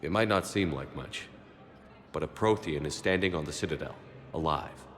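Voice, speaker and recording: An actor playing a calm, dry, supportive male military commander in a video game. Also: rumbling low, normal speed, soft background music. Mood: calm, reflective. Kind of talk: video game cutscene acting.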